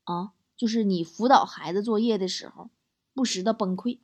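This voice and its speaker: A woman's voice: medium pitch, normal speed. A woman reading funny stories aloud, switching voices for the people she quotes. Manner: lively storytelling, voices quoted characters. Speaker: joke reader.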